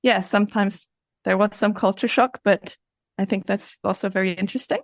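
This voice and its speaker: A young woman from Switzerland, a guest on a podcast, explaining things in a friendly, relaxed way. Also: mid-range voice, fairly quick, dry recording. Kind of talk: casual interview chat.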